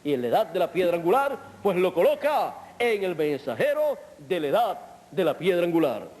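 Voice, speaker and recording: A man delivering a measured sermon, with deliberate, drawn-out phrasing and long pauses. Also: high voice, very animated, a little mellow. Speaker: preacher. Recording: old sermon recording.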